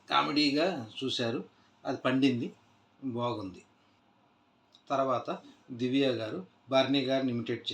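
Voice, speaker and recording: A man casually recapping a reality show episode, retelling scenes loosely with many "aa" fillers and restarts. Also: medium pitch. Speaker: TV show reviewer. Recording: echoey room.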